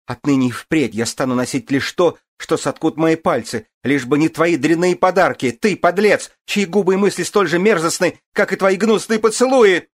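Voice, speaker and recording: A man reading an audiobook, voicing a furious, tearful young noblewoman who shouts indignantly. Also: mid-range voice, steady tone, quick pace, pitched above the performer's own voice, lightly acted.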